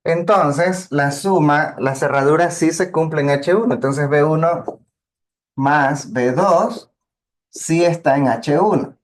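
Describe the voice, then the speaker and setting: A man's voice: a little high, takes it slowly. A man teaching a math lesson, explaining patiently step by step and checking in with his students. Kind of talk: lecture on linear algebra.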